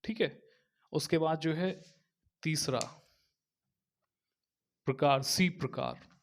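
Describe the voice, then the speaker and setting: A man teaching an exam-prep lesson, speaking slowly and repeating phrases while he dictates notes. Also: fairly high pitch. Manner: slow and repetitive, dictating notes while writing; explains step by step, with frequent fillers.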